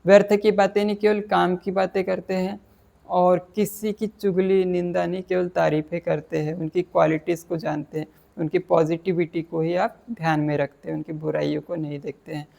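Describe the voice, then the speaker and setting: A man's voice: high voice, level tone, normal speed, vocal fry, a little mellow. A man giving a dhamma talk, explaining Pali verses in plain words and mixing in English terms. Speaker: Buddhist dhamma teacher.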